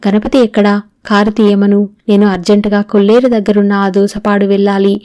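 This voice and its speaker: A woman's voice: mid-range voice, level tone, brisk, mellow, natural voice. A woman reading the lines of a grieving father in an audiobook. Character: grief-stricken elderly father.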